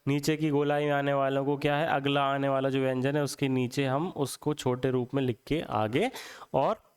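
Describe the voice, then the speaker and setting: A man teaching Hindi for exams, explaining step by step and repeating words slowly to show how they sound. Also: medium pitch, fairly even intonation, clean tone. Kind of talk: classroom lecture for exam prep.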